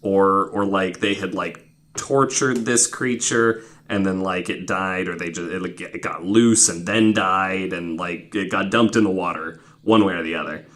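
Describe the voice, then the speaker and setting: Speaking with a deep, steady and slightly bright voice, a male podcast host talks a little slowly. He spins casual stories for his co-hosts with wry skepticism and the occasional curse.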